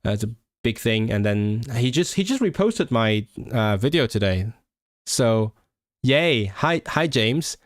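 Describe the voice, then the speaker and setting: Hosting a relaxed livestream about languages, a young adult from Hong Kong reads out viewer comments in a medium-pitched voice at a measured pace. His accent mixes in British English. He's a self-deprecating student and learner, hesitant, with plenty of restarts and fillers, and the dry recording is studio quality.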